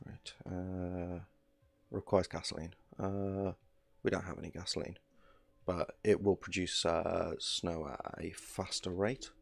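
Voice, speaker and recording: A man's voice: sits low, level tone, a little slow, gravelly, dry recording. A man in his thirties streaming a game from home, chatting casually into a desk mic with lots of fillers and asides. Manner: rambling, filler-heavy, easygoing. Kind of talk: casual gameplay commentary.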